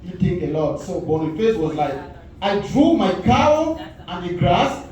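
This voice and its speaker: This stand-up comedian from Cameroon, a man in his forties, speaks with a high voice and a Cameroonian accent at a measured pace. His comedy set is storytelling packed with vividly voiced quotes, recorded from a distance on a comedy club stage with echoey sound.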